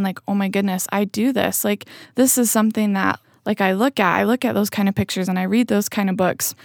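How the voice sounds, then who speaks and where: A young woman from Utah speaks as a podcast guest, her voice at a middling pitch and sounding dry and close, with no room around it. She talks openly and casually, scattering "like" and "you know" through her answers. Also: dry recording. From Utah, USA. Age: young adult. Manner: casual, open, frequent "like" and "you know" fillers. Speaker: podcast guest, student blogger. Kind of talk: casual interview conversation.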